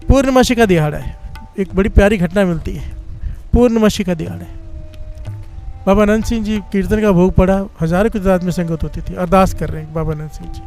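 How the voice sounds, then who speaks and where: A man's voice: sits high, fairly quick, vocal fry, a little mellow, soft background music. A male preacher giving a sermon, telling stories and repeatedly calling on the congregation to respond.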